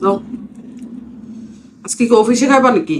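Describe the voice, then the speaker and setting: A woman's voice: on the high side, animated, a little slow, background noise. A woman with a Bangladeshi accent chatting casually over a meal, talking with her mouth full as she eats. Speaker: vlogger. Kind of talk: casual mealtime chat.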